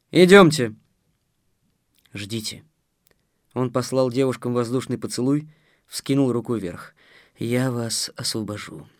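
A male audiobook narrator with a measured, expressive delivery at a middle pitch. The recording is dry and close, with no room around the voice. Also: no room sound. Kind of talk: scripted narration.

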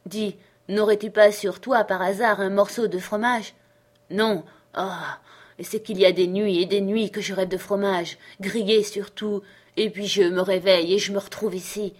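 A woman voicing Ben Gunn, a hoarse, half-mad old male castaway who talks eagerly and wheedles. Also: medium pitch, fairly even intonation, normal speed, lightly acted. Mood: eager pleading. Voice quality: hoarse, creaky.

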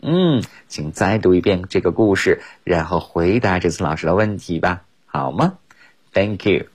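A male teacher on a radio lesson, reading a children's story in two languages with slow, expressive storytelling and big pitch swings. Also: breathy edge. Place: radio studio.

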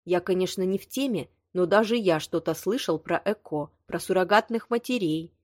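A woman reading the lines of a blunt, hot-tempered young man, a lawyer, with a sharp, exasperated delivery. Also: fairly low pitch, moderate pace, dry recording, studio quality, close to an everyday voice. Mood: wry. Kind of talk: audiobook dialogue reading.

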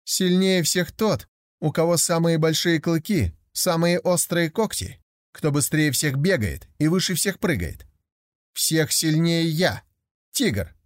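A naive, hot-headed young tiger , as a man puts him on speaks in a high, lively voice. He swoops about as he exclaims and asks. The sound is close and dry. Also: takes it slowly, no room sound. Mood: proud.

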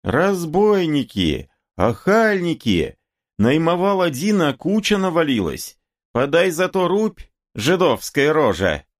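Man doing a peasant woman, shrill, shouting, abusive, storybook reading, very high. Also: lively intonation, measured pace, few pauses. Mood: scolding.

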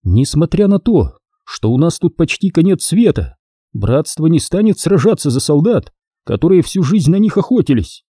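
A man's voice: fairly high pitch, big pitch swings, moderate pace, warm tone, slightly rough, no room sound, studio quality, pitched above the performer's own voice. Man reading as Allegra, a defiant ex-pirate captain. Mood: wary. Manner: skeptical, challenging questions. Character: former pirate captain woman, wary and defiant.

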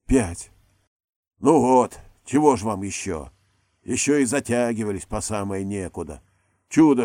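A man's voice: mid-range voice, warm tone, no echo, studio quality, close to an everyday voice. A man voicing a blunt old peasant housemaid who scolds in a folksy, grumbling way.

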